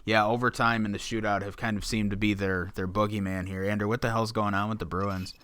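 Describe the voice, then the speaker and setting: Bright, crisp-voiced man hosting a podcast. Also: fairly low pitch, level tone, fairly quick. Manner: steers the conversation, lays out points. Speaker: podcast co-host. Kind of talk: casual sports chat.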